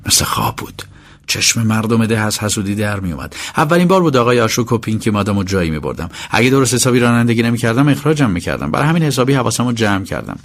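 A man's voice: lowish voice, sing-song, hardly any pauses. A man reading a novel as an audiobook, telling a first-person story. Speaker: narrator. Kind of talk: audiobook narration.

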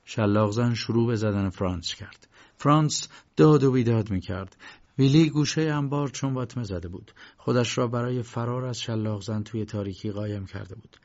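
Gravelly male audiobook narrator. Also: mid-range voice. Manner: steady storytelling. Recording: muffled lo-fi recording.

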